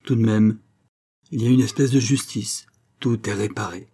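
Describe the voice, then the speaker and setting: An odd little old sharpshooter, frail and strange, drifting from dreamy murmurs into feverish excitement, as a storybook reader puts him on. The voice sits low, dark and husky, close to the reader's own. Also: male voice, normal speed. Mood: earnest, fervent. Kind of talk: audiobook character voice.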